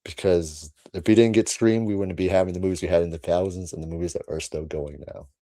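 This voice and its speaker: A man's voice: sits low, fairly even intonation, quick pace, mellow, dry recording. A man hosting a casual horror podcast chat, laughing often and trailing off with "so". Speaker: channel host.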